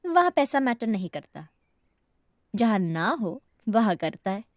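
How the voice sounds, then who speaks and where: A woman's voice: medium pitch, sing-song, unhurried, a little mellow, no echo, studio quality. An actress playing a blunt, mocking divorced wife who insists on her alimony, in a film comedy. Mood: teasing. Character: sharp-tongued divorced wife demanding alimony.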